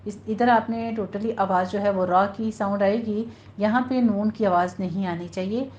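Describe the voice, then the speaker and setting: Woman, Pakistani Urdu accent, teaching recitation, patient and methodical, mid pitch, dull lo-fi audio. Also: fairly even intonation, a little mellow. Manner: patient, explains each sound step by step, models recitation slowly. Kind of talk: recorded tajweed lesson. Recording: muffled lo-fi recording with faint hiss.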